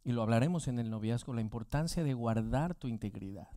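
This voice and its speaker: A man's voice: medium pitch, lively intonation, brisk, warm tone, dry recording, clean studio sound. A man preaching a sermon as pastor, asking the congregation rhetorical questions.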